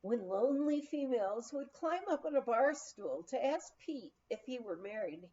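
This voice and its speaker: On a slightly dull recording, a female audiobook reader brings a memoir to life with expressive storytelling. She speaks on the high side at a moderate pace.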